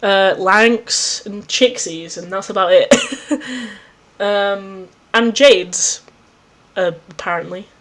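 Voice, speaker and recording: A woman reading a visual novel aloud and chatting about it, gushing and easily excited. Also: medium pitch, slow, a little hiss or hum. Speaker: let's play host.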